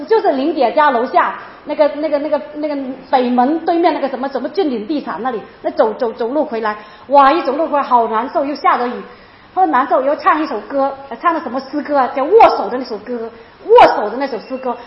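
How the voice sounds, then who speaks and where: A woman with a high voice talks fast in an echoey room, retelling a personal testimony in an animated, emotional way with lots of repetition. The recording sounds roomy, dull and lo-fi.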